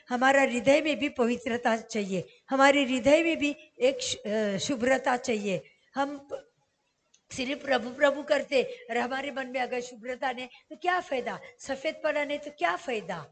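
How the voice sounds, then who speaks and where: A woman preaching a sermon to a congregation, emphatic, often repeating questions and answering them herself. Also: sits high. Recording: long hall reverb.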